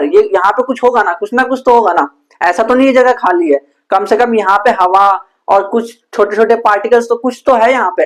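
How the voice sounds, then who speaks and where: A man teaching science in a casual, playful way, acting out sound effects and small scenes. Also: extremely high pitch. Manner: playful, uses sound effects and mini role-plays. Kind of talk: casual classroom explanation.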